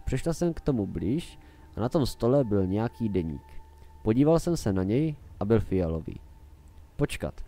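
A man's voice: fairly low pitch, very animated, mellow, poor audio. A man reading a fan-made horror story aloud in plain storytelling narration. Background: faint music.

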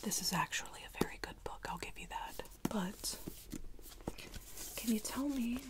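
A young woman playing a rude, condescending librarian in a whispered role-play, speaking in a breathy, curt, hushed whisper. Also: on the high side, moderate pace, lightly acted. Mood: snippy, grudging.

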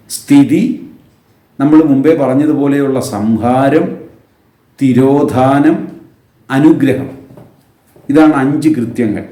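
A man giving a religious lecture on a Sanskrit hymn, patiently explaining with everyday examples and slowly drawing out the sacred names. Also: mid-range voice, dark tone, echoey room. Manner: slow, drawn-out chanting of sacred names.

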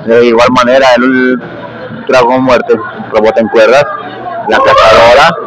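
A man's voice: medium pitch, flat delivery, moderate pace. A Mexican man working as a wrestling commentator, giving live lucha libre play-by-play. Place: indoor wrestling gym with audience. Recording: noisy gymnasium, loud crowd behind.

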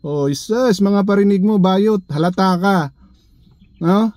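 A man's voice: high-pitched, a little slow, a little mellow, no echo, clean studio sound. Sarcastic man needling in a vlog. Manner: sarcastic, needling, full of rhetorical questions. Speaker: vlogger. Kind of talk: reaction commentary vlog.

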